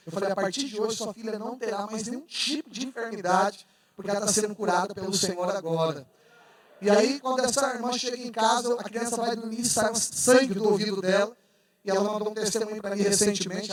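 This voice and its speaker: A man preaching a fervent sermon as pastor, rising to shouts at the high points and joking with the congregation. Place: church. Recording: echoey church hall, mic far off.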